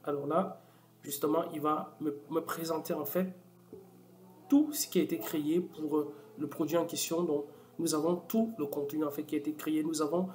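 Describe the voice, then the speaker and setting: A man walking viewers through a software tool in a casual screen-recorded tutorial, with many fillers and restarts. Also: a little high, fairly even intonation, moderate pace. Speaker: software demo presenter.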